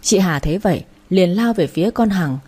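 A woman's voice: fairly low pitch, lively intonation, fairly quick, warm tone, husky. A woman narrating a romance novel in the first person, reading every character's lines in her own voice and speeding up in heated exchanges.

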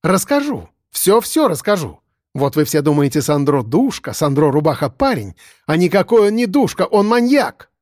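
A man doing a shrill, hateful woman. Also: very animated, normal speed, a little mellow, no echo, studio quality. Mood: furious. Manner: screeching, accusing. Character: shrill, furious young woman accuser.

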